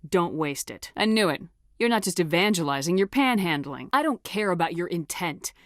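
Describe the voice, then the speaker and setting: A very dry, studio-clean recording of a woman acting as a female space commander for a video game. Her voice sits on the low side and stays controlled and direct. She sounds resolute and authoritative, with no nonsense about her. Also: animated, normal speed, no room sound, lightly acted. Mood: stern, scolding.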